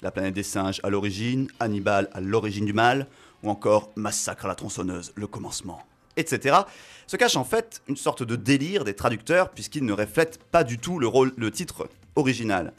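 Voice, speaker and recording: A man's voice: on the low side, lively intonation, fairly quick. A man giving a casual film chronicle on a radio show, chatty and self-mocking, with many fillers and restarts. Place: radio studio.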